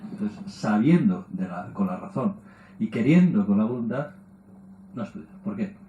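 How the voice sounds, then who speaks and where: A man's voice: lowish voice, lively intonation, normal speed, echoey room, muffled recording, noisy background. A man giving a lecture, tossing in rhetorical questions and tag words as he explains. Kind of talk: public lecture.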